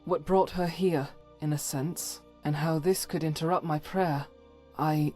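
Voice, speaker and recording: A woman with a deep, darkish voice plays a devout, stern holy warrior hiding private doubt, a voiced follower in a fantasy game mod. Her scripted dramatic lines are solemn and formal, guarded yet resolute, delivered unhurriedly with fairly even intonation over faint background music.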